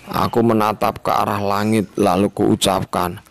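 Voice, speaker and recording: Gravelly low-voiced man telling a religious tale. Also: level tone, no echo. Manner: measured, earnest read-aloud storytelling. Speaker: storyteller. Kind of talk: religious storytelling narration.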